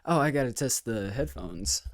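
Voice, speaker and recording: A man's voice: medium pitch, animated, moderate pace, gravelly, no echo. A man doing a rambling, comedic mic test in a goofy, playfully theatrical manner, close on the microphone. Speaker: video creator.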